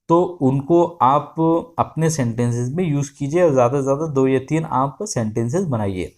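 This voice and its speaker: A man teaching a lesson, reading English instructions slowly and then explaining them in his own words. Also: a little high, darkish tone.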